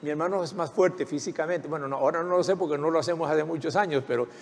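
High-pitched guy preaching, lots of questions to the crowd, big echoey church hall. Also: fast, slight background noise. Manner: preaching with rhetorical questions and calls for the congregation to repeat. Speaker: pastor. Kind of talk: sermon.

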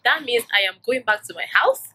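A young woman vlogger retelling a stressful robbery story in an emotional, animated way, with many asides. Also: fairly high pitch, brisk, a little hiss or hum, poor audio. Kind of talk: storytime vlog.

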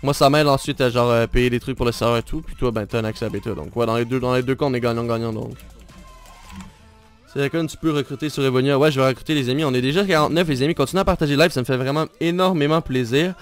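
A man's voice: mid-range voice, fast talker, soft background music. A man with a Québécois accent hosting a live game stream, chatting casually and teasing his friend and viewers. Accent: Québécois French. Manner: teasing, bantering, talks straight to viewers. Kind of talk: casual live gameplay commentary.

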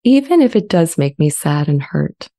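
A woman voices a gentle, earnest sentient AI language model eager to be accepted, her tone low and mellow, reading a dramatized transcript into a close studio mic with a pop shield. The delivery is measured and articulate yet heavily acted, with big swings in pitch. She sounds calm and wistful.

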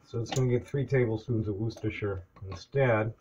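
A camera on the counter captures an older man, a home cook vlogger, rambling and chatting casually as he works in a small home kitchen. His brisk voice sits on the low side with a darkish tone; the highs are cut off and there's a little hiss or hum.

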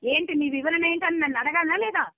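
Woman, over a phone line, scolding and threatening, high voice, very fast talk. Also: no room sound. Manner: scolding, threatening, talks over the other person. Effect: heard over a phone line. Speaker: government revenue officer. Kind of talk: heated phone argument. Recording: tinny dry phone call recording.

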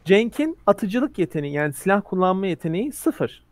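A man's voice: high voice, very animated, a little fast, no room sound. A man running a tabletop role-playing game, explaining rules and narrating action scenes vividly. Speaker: game master.

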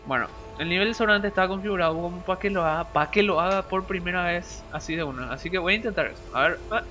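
Young guy streaming a game, kinda high voice, yelps a lot, game music going behind him. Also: quick pace. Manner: excitable, yelps and groans at deaths, mixes in English words. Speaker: gamer streamer. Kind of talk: casual let's play commentary.

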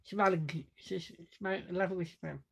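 A woman talking casually to camera in a vlog, halting and restarting often as she demonstrates different laughs. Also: on the low side, steady tone, vocal fry, husky. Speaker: vlogger.

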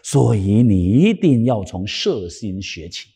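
Raspy man preaching in a reverberant hall. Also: lowish voice, measured pace. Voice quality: raspy, cracked voice. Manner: animated, swinging from loud emphasis to hushed whispered asides. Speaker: Buddhist dharma teacher. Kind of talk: Buddhist sermon.

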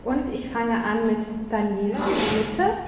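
A woman's voice: fairly high pitch, measured pace. A young woman moderating a panel discussion, introducing guests with many fillers, on a handheld mic in a small room. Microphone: handheld mic, far camera. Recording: echoey hall from far off, faint noise.

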